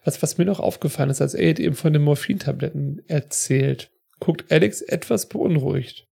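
A man co-hosting a podcast, giving chatty, reflective commentary on a TV episode with quick asides. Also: a little high, creaky, dark tone, breathy edge. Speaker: podcast co-host. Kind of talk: casual chat.

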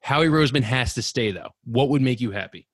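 A man's voice: mid-range voice, a little fast, slightly rough, no room sound, studio quality. A man hosting a casual podcast chat, teasing and joking with his guest. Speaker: podcast host.

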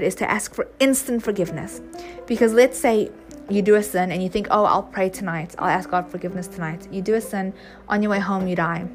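A woman giving an earnest, chatty devotional talk to her viewers, with bursts of excitement and many restarts. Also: on the low side. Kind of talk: casual devotional talk to camera.

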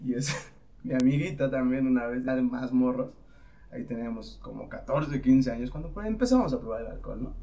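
A man's voice: mid-range voice, a little fast, mellow. A man with a Mexican accent, hosting a podcast and telling stories in slangy casual chat while laughing often. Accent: Mexican Spanish. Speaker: podcast host. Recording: slightly muffled with faint noise.

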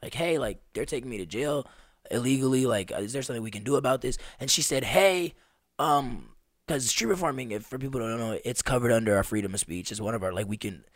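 A man in his twenties, a guest on a podcast, telling stories in an animated, slangy way. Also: mid-range voice, fast, dry recording, studio quality. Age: 20s. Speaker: podcast guest, street performer. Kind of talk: casual conversation.

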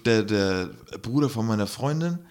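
A man's voice: fairly low pitch, animated, moderate pace, darkish tone. A young man in casual chat with friends, slangy and joking, often calling people "Alter". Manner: slangy, says "Alter" a lot.

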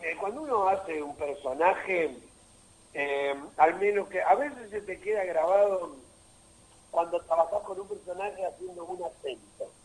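An older man with an Argentine Rioplatense accent, an actor and comedian chatting as a guest in a radio interview. He talks in a relaxed, playful way and drops quick asides. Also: high voice, low-quality recording.

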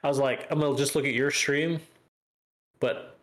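A man's voice: mid-range voice, fairly even intonation, moderate pace, a bit bright. A man hosting a casual gaming stream show, rambling with many fillers and restarts. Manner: rambling, filler-heavy, self-correcting. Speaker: host. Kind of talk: casual gaming podcast chat.

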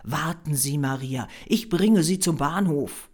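A woman reading a German story voices a curt, guarded young male photographer in a lowered voice. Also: unhurried, darkish tone.

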